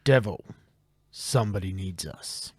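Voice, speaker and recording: A man doing a grim, hushed masked jungle hero. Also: lively intonation, a little slow, slightly rough, no room sound, clean studio sound, exaggerated voice. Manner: low, hushed delivery.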